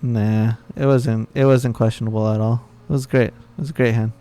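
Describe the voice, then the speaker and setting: Man with a smooth voice muttering at a card game. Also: medium pitch, fairly even intonation, normal speed. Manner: swears, mutters, swings between outbursts and quiet grumbling. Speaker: streamer. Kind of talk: live-streamed card game commentary.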